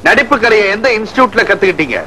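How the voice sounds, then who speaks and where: A man's voice: high-pitched, animated, rapid-fire, sharp tone, a little hiss or hum. An actor playing a scornful, blustering husband in a 1980s Tamil comedy film, sneering at his wife and later wailing melodramatically. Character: scornful, blustering middle-aged husband who hams up fake dying. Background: film score music.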